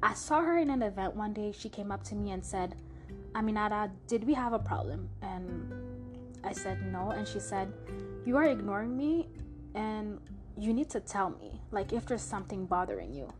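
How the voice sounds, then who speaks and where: A young Montreal woman, a podcast host whose first language is French, tells a personal story in a loose, chatty manner with lots of fillers and restarts. Her middle-pitched voice carries a light French accent and sounds animated at a moderate pace. Music is clearly audible beneath her.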